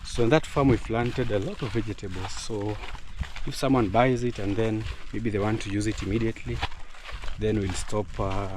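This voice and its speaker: A man with a Kenyan accent and a fairly low voice hosts a casual vlog. He talks outdoors in the countryside, explaining things conversationally. Noise is clearly audible behind him. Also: steady tone, normal speed. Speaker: vlog host. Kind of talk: casual vlog narration and chat. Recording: clearly noisy outdoor recording.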